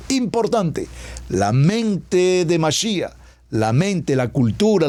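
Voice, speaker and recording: A man preaching a radio sermon as pastor, stacking words into lists and slowing down to stress key words. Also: on the high side, dark tone.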